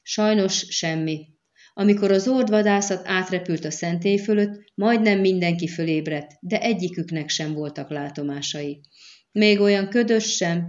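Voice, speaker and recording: A woman voicing a weary older high priestess who speaks tiredly but firmly, in an audiobook reading. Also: darkish tone, highs cut off, lightly acted.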